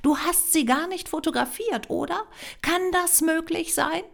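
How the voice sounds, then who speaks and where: A woman's voice: high-pitched, wildly swooping pitch, measured pace, gravelly, voice pushed up, full character voice. A woman reading a German story voices a glamorous older woman with a theatrical, exclaiming manner.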